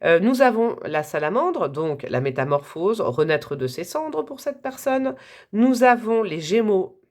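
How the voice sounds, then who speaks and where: A woman's voice: mid-range voice, a little slow. Chatty woman giving a tarot reading. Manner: chatty and warm, talks straight to viewers, frequent asides and little laughs; softly calm, gentle delivery. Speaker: tarot reader. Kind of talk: live tarot reading to viewers.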